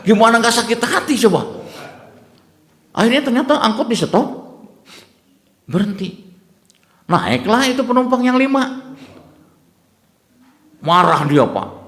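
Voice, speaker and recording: Man, preacher, lively anecdotal sermon, roomy echo. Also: extremely high pitch, measured pace, pauses often. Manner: animated storytelling, constantly addressing listeners as "Pak". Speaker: Islamic preacher. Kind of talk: dawn lecture sermon. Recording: echoey hall with long reverb.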